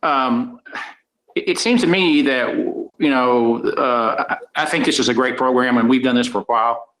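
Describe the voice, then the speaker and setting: A man's voice: mid-range voice, normal speed, a bit bright, poor audio. Man on a choppy video call. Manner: hesitant, keeps checking he can be heard. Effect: breaking-up video call connection. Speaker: city commissioner. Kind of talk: remote council meeting.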